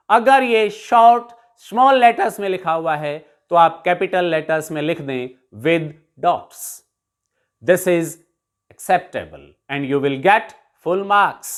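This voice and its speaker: A woman teacher with an Indian accent giving a classroom lesson in a Hindi and English mix, patiently explaining each example step by step and restating terms. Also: on the low side.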